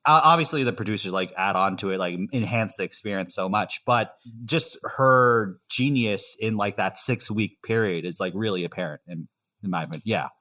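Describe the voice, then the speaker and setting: A man's voice: fairly low pitch, moderate pace, pushed and bright. A man co-hosting a music podcast, talking enthusiastically in a rambling way with many restarts. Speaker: co-host. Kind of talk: casual podcast chat.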